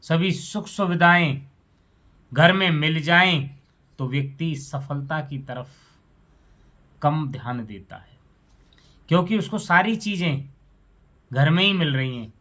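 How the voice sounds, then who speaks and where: A man's voice: fairly high pitch, slow pace, pauses often, bright, forceful tone. A man telling a moral story and drawing a lesson from it, often addressing his listeners as friends. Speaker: storyteller on his own channel.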